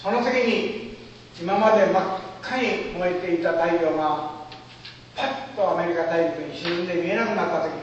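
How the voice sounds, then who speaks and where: A man telling a personal story as a formal, dramatic speech, with emotive pauses and stately phrasing. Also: high-pitched, a little hiss or hum. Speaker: speaker. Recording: echoey hall from far off, dull.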